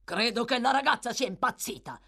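A woman voicing a brutal, violent man who barks and shouts threats. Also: deep voice, animated, normal speed, pitched below the performer's own voice. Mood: furious.

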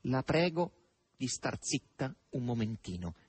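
A man putting on a husky, sardonic male demon henchman for an audiobook, curt and impatient, with a voice that jumps around in pitch. The tone stays mocking and bossy. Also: very animated, brisk, no echo. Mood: sly.

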